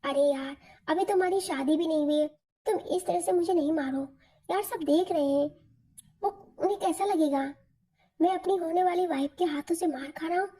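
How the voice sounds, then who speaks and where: A woman voicing a heartbroken young man in a storybook reading, bitter and impassioned, in her own soft reading voice. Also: very high voice, moderate pace. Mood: playful. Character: heartbroken young man, lover, pleading then playful.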